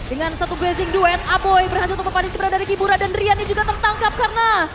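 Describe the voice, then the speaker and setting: A woman's voice: very high voice, little pitch movement, very fast, very noisy. A woman with an Indonesian accent calling a live esports match as play-by-play caster, urgent and dramatic. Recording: music behind the voice.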